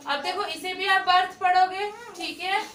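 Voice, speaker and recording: A woman's voice: very high voice, fairly even intonation, normal speed, a bit bright. A woman teaching a class, patient and questioning, often checking that students understand. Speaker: English teacher. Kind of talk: classroom lesson. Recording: echoey classroom, far from mic, faint noise.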